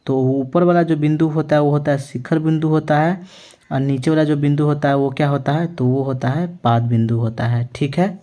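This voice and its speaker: A male maths teacher explaining a lesson to students, asking them questions and answering them himself, often checking in with "okay" as he writes out words slowly. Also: fairly high pitch, steady tone, warm tone. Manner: ends phrases with a reassuring check-in. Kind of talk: classroom-style lesson.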